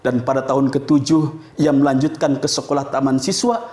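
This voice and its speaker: A man giving a patriotic speech in a dramatic declaiming style, swelling to high peaks and dropping low. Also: steady tone, normal speed, darkish tone, echoey room. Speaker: orator.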